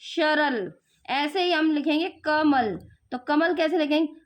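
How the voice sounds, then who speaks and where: Young woman, high voice, patient teacher, stretches syllables, coaxing questions for a child. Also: takes it slowly. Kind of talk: home spelling lesson for children.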